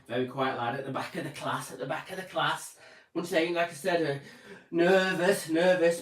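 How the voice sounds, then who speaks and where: Rambling comic, echoey and distant. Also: male voice, on the high side. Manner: rambling, deadpan, sweary. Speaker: stand-up comedian. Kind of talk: stand-up routine.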